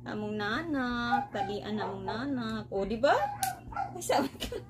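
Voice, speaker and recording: A woman's voice: a little high, expressive, measured pace, very noisy. Woman cooing to her dog. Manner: mixes Tagalog, Bisaya and English, coos baby talk to her dog. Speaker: vlogger. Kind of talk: casual chat to pet and viewers.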